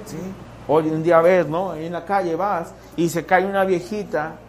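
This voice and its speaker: A man's voice: a little high, steady tone, normal speed, a little hiss or hum. Mexican man preaching casually. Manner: conversational, asks the listeners questions. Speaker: church speaker. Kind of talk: casual sermon.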